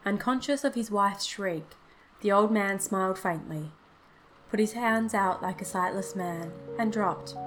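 A woman narrating a classic story in a steady, expressive reading. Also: mid-range voice, unhurried, poor audio. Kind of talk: scripted narration.

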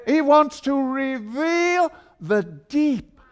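A guest pastor preaches in an exuberant, erratic charismatic style, with joking asides, nonsense exclamations and chuckles. His very high voice is very animated and very slow, swinging from quiet speech to shouting.

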